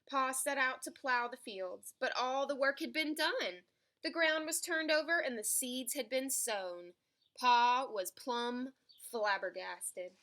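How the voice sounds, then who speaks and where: A storybook reader, a woman with a fairly high voice, reads a children's picture book aloud in an expressive storytelling style.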